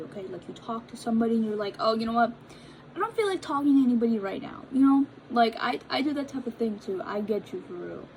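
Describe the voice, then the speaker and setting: A woman's voice: on the high side, a little mellow, slight background noise, poor audio. A young woman chatting casually as she reacts to confessions, full of fillers and restarts. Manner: chatty, filler-heavy, stumbles over reading. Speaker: vlogger reading confessions. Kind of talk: casual chat reacting to read-out posts.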